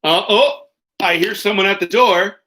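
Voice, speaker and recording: A man's voice: high-pitched, normal speed, bright, forceful tone, rough recording. A man hosting an online quiz over a video call, reading questions and tossing in joking, profane asides. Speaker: quiz host.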